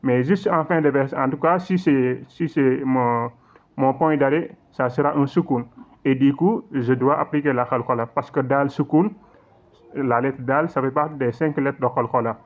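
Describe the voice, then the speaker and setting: Man teaching recitation over a tinny line. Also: medium pitch. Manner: patient, repetitive explaining with frequent check-ins; slow drawn-out recitation in demonstrations. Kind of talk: online lesson explaining recitation rules. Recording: tinny phone-like audio.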